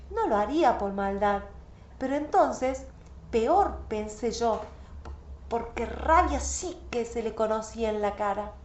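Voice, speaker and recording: A woman reading a novel aloud in the first person, telling the story with anguished emotion. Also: a little high. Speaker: audiobook reader. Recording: roomy, slightly dull recording.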